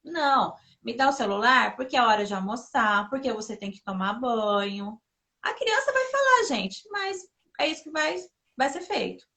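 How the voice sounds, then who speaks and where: A woman speaks as a guest on a parenting talk, telling stories from home in a lively, chatty way and turning to the listeners as she goes. Her voice is bright and clear, sitting a little high. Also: moderate pace. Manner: lively anecdotal, often addresses listeners directly. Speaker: guest, mother. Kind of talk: casual conversational advice.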